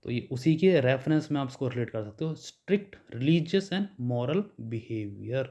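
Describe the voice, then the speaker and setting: A man's voice: medium pitch, lively intonation, moderate pace, mellow. A man teaching an exam vocabulary lesson in Hindi mixed with English, explaining each word with everyday examples.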